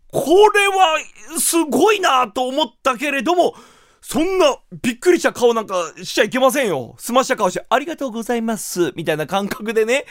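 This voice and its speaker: A man who is a rakugo performer hosting a radio show, telling comic stories in a lively way. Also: extremely high pitch, no echo, studio quality. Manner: lively, animated, acts out quotes. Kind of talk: comic storytelling talk.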